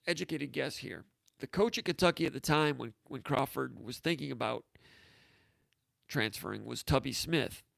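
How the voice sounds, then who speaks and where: A man's voice: mid-range voice, vocal fry, dry recording. A man hosting a casual sports talk show, telling stories in a rambling, anecdotal way, with frequent restarts. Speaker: host.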